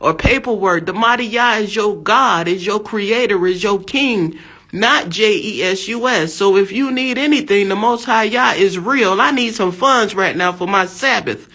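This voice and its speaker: Speaking in a bright, forceful tone at medium pitch and moderate pace, an American woman in her fifties preaches her religious testimony fervently. Her monologue is emphatic and exhortative, with phrases said again and again.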